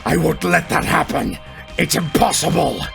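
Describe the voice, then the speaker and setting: Man doing a deluded would-be god, taunting, defiant, tabletop game villain, a touch higher than normal. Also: lively intonation, moderate pace, creaky, music in the background.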